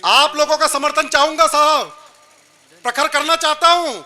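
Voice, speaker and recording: Guy from haryana belting out poetry on stage, super high ringing voice, keeps repeating lines and hyping the crowd. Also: steady tone, normal speed, sharp tone. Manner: impassioned, rousing, repeats lines and urges the crowd. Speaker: poet. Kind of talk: declaimed poetry recital.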